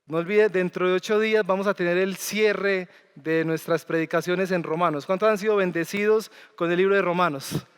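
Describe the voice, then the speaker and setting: A man's voice: sits high, normal speed, few pauses, clear, resonant tone. A man preaching a sermon as pastor, talking with the congregation and asking them questions. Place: church sanctuary. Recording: long church hall reverb.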